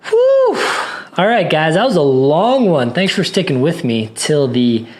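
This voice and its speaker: A man's voice: fairly high pitch, animated, normal speed, a little mellow. A man talking casually to viewers in a tech review vlog, rambling with many restarts, his voice a little worn.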